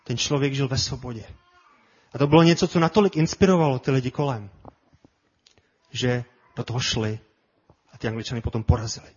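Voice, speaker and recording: A man preaching a sermon with passion, often repeating his words and building to loud cries. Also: medium pitch, pauses often, slightly rough, highs cut off. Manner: impassioned, repetitive, builds to shouts.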